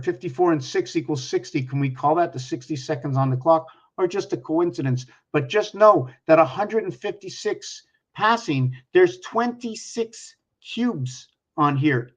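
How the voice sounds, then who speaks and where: A man in his sixties giving a rambling explanatory monologue, working through sums aloud, pointing at objects and putting questions to the viewer. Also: sits high. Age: 60s. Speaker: numerology speaker. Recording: dull lo-fi recording.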